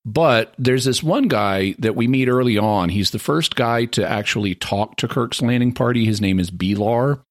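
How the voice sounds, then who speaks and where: A man co-hosting a podcast, explaining a point at length in casual discussion and growing animated as he argues it. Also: mid-range voice, moderate pace, few pauses, no echo, clean studio sound. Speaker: podcast co-host.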